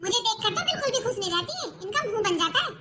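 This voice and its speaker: A woman's voice: extremely high pitch, sing-song, rapid-fire, echoey room, far from the mic. A woman voicing a whiny spoiled sister-in-law. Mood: complaining. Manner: complaining, sarcastic. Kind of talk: cartoon voice acting. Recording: loud background noise.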